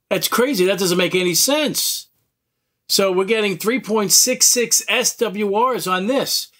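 A man hosting a radio hobby video, talking bluntly and emphatically while demonstrating gear. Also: high-pitched. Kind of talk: casual demo talk.

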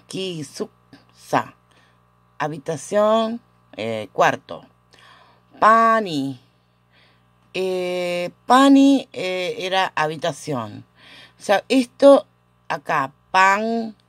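A woman teaching a casual language lesson at home, patiently repeating each example with frequent "eh" pauses. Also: lowish voice, dry recording.

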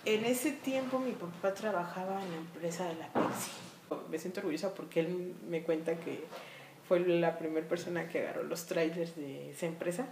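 Mexico city lady chatting in an interview, lowish voice, roomy echo, lots of fillers. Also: normal speed, noisy background. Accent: Mexico City Spanish. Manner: lively storytelling with frequent fillers. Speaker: funeral director and embalmer. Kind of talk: casual interview. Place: small art-filled room indoors.

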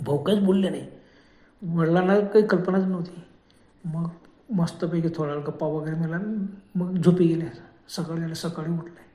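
A man's voice: on the high side, fairly even intonation, normal speed, pauses often, warm tone. A man telling a horror story in a loose, conversational way, with frequent restarts. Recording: echoey room.

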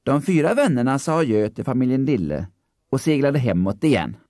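A man narrating a children's story, expressive and storytelling. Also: medium pitch, no room sound.

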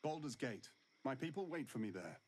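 An actor playing a wry, world-weary wandering monster hunter in a video game, with dry, sardonic delivery. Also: male voice, mid-range voice, big pitch swings, brisk, a little mellow, a little hiss or hum, close to an everyday voice. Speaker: game character.

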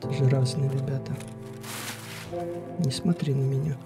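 A man's voice: medium pitch, level tone, normal speed, loud music behind the voice. A man who makes gaming videos, giving casual gameplay commentary and at times muttering to himself.

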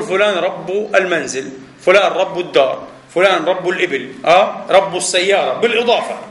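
A man with a Palestinian Arabic accent delivers a sermon-style lecture. His voice sits high, and he talks fast and animatedly, firing off rhetorical questions. The sound rings in a reverberant hall. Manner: animated, asks rhetorical questions and answers them. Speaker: preacher. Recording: echoey hall.

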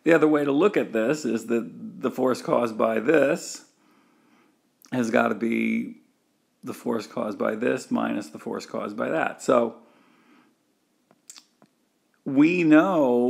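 A man's voice: medium pitch, unhurried, gravelly, a little mellow, slightly rough. A man giving a recorded engineering lecture, walking through a diagram step by step with frequent fillers and restarts.

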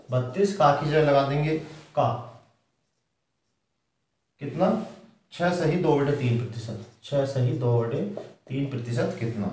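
A man's voice: a little high, a little mellow. A man with a Hindi accent teaching an exam-prep math lesson step by step, asking questions aloud and then answering them himself. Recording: echoey room from far off.

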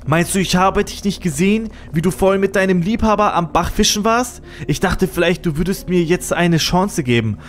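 A man's voice: high voice, moderate pace, hardly any pauses, a little hiss or hum, natural voice. A man voicing a menacing male stalker who pleads falsely and then threatens. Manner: sneering, threatening, falsely friendly.

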